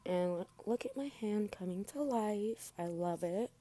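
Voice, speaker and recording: A woman's voice: mid-range voice, expressive, unhurried, mellow. A woman doing a casual, chatty tutorial voice-over, speaking informally to her viewers with braces in her mouth. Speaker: makeup tutorial host.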